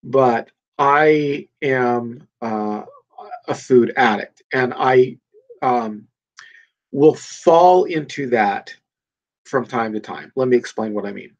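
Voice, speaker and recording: A man hosting a casual solo podcast talks slowly in a mid-range voice, and the recording's highs are cut off. Improvising in an emphatic, rambling way, he leans on fillers and restarts often. He's a little nasal and congested from a cold.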